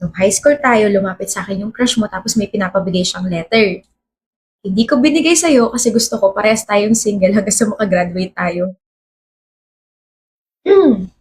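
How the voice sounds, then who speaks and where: A young Filipina woman, confessing in a deadpan way in a comedy skit. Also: mid-range voice, normal speed, rough recording.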